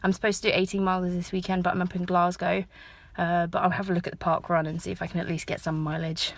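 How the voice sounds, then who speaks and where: A woman's voice: on the low side, little pitch movement, fast, no echo. A woman chatting casually to camera as an amateur runner making a training vlog. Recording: faint background noise.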